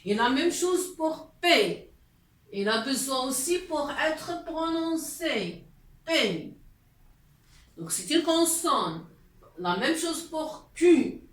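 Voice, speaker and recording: A woman's voice: high voice, animated, extremely slow, long pauses. A woman teaching a class, explaining letters patiently with frequent hesitations and repetitions. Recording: echoey room.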